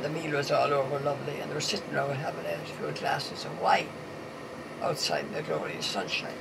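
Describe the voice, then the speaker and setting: An Irish man with a high, gravelly voice spins rambling, folksy yarns. He slips casually into the dialogue of his characters. The amateur recording has a clear, steady noise under the voice. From Ireland. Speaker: storyteller telling jokes. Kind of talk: casual anecdotal storytelling.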